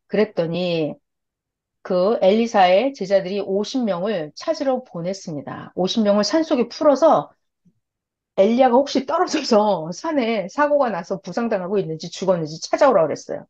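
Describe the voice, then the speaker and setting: A woman preacher with a medium-pitched voice retells a Bible story in a sermon at a normal speed, acting out the characters' lines in lively voices. The recording is dull and lo-fi.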